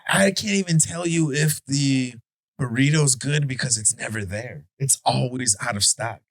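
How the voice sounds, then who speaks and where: A man with a Chicago accent co-hosting a podcast in casual debate chat, animated and profane, stumbling and restarting his sentences. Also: medium pitch, moderate pace, dry recording. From Chicago area. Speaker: podcast co-host.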